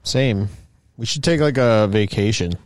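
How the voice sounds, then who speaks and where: A man's voice: lowish voice, a little slow, no room sound, clean studio sound. A man from California, talking in a laid-back, teasing way and saying "like" often in casual chat.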